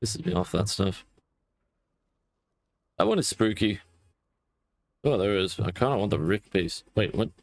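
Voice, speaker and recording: A low-voiced man talks casually while he plays a game. He rants with plenty of swearing, and his voice climbs in bursts of irritation. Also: measured pace, creaky, long pauses, no room sound. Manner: profane, animated ranting with rising outbursts. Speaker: gaming streamer.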